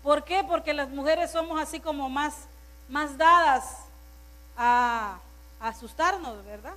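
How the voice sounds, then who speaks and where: A woman's voice: high-pitched, a little slow, fairly bright tone. A woman pastor preaching a sermon to her congregation, stressing word lists and turning to the listeners with asides.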